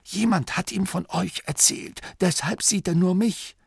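A man's voice: high-pitched, a little slow, creaky, breathy edge, no room sound, clean studio sound, pitched above the performer's own voice, heavily acted. A man voicing an earnest male gnome inventor who speaks in a raised, formal and insistent way in a storybook reading. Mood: stiffly insistent.

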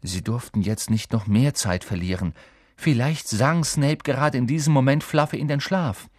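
A man narrating a storybook audiobook in an expressive way. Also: mid-range voice, normal speed, dry recording, clean studio sound.

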